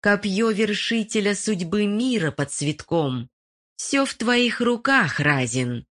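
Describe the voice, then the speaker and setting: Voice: mid-range voice, expressive, takes it slowly, a bit bright, voice pushed up. A narrator putting on hissing malicious forest spirits. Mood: hissing, gloating. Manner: hissing, gloating and commanding. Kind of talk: audiobook voice acting.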